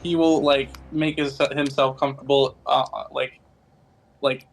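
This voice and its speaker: A man playing a tabletop game, talking fast and excitedly with many restarts. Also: medium pitch, creaky, faint music behind. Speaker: player. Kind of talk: casual tabletop play.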